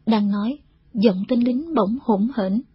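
A woman reading a novel aloud as the narrator, in a measured, even way. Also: on the high side, no echo. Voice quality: very husky. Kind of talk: scripted audiobook narration. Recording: dull, dry lo-fi recording.

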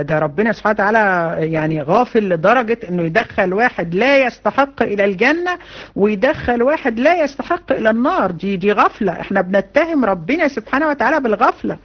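A woman with an Egyptian Arabic accent giving a religion lesson to women, animated and colloquial, with many rhetorical questions. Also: medium pitch, muffled recording. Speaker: religion teacher. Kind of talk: lecture to women students.

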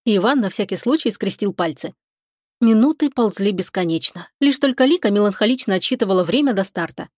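A woman narrating a science fiction audiobook chapter in an even, measured storytelling voice. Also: mid-range voice, no room sound, studio quality.

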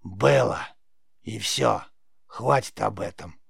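A man reading an audiobook, voicing a spiteful old forest witch with a creaky voice. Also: on the low side, slow, no echo, clean studio sound, full character voice. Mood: grumbling.

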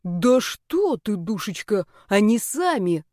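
A whiny, sweet-talking young male snake shapeshifter, as a woman reader puts him on. He plays the innocent in a higher, thinner voice. The storybook read is dry and close, with no room sound. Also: big pitch swings, slow pace, darkish tone, dry recording. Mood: wheedling. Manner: whining, wheedling, innocent-acting.

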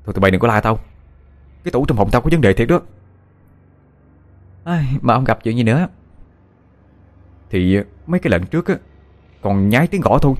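A man's voice: medium pitch, lively intonation, fairly quick, pauses often, lightly acted. A man voicing a jumpy, easily spooked young male student, talking in an exasperated, protesting way. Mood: alarmed. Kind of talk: audiobook character voice.

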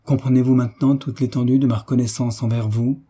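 A man's voice: medium pitch, steady tone, quick pace, mellow, breathy edge, close to an everyday voice. A man voicing a joyful older sailor, a veteran uncle who speaks in hearty exclamations.

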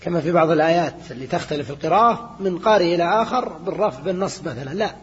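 A man's voice: fairly high pitch, expressive, racing. An older man giving a classroom grammar lecture, explaining and repeating points and often checking in with his students. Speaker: teacher of Arabic grammar. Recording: dull lo-fi recording in a reverberant hall.

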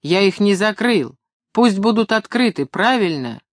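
A man's voice: high voice, normal speed, clean tone, no echo, clean studio sound, natural voice. A man voicing an eager young soldier. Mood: excited. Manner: breathless, excited shouts.

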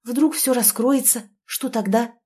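A woman voicing a proud, quick-tempered young noblewoman who answers in sharp, indignant retorts. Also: on the high side, husky, pitched above the performer's own voice. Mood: anxious.

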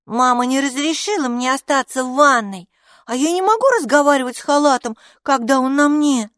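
A storybook six-year-old girl, shrill and very high, shrieking and sulking at her brother, as a woman narrator puts her on. The voice is pitched far above the reader's own. It sits in a dry, close recording. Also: fairly quick, fairly bright tone, dry recording. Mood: sulky. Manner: shrieking, sulky.

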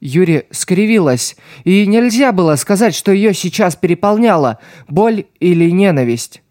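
A man narrating an audiobook in a measured, dramatic way. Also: sits high, animated, a little mellow, no room sound, clean studio sound. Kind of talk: audiobook reading.

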